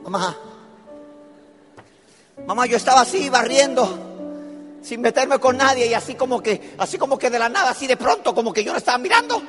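A man's voice: extremely high pitch, lively intonation, moderate pace, pauses often, fairly bright tone, long reverb tail, soft background music. A male preacher voicing a nervous young woman who stammers and hesitates.

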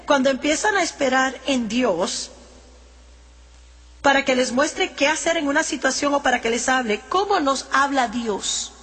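A woman delivers an earnest sermon in a noticeably high voice. She moves between reading scripture aloud and explaining it to the congregation. Her words trail off into the long reverb of a large hall. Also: expressive, unhurried, a bit bright. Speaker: preacher.

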